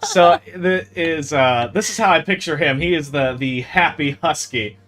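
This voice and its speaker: A man's voice: fairly high pitch, moderate pace, a crowd in the background. A man casually commenting on a video game he plays with his wife, joking and laughing often. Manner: playful, jokey, laughs often. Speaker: let's play host. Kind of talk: casual gameplay commentary, reading dialogue aloud.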